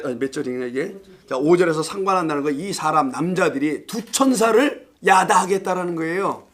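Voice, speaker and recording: A male pastor teaching a Bible study class, playful, quizzing his listeners and laughing often. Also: high-pitched. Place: church classroom.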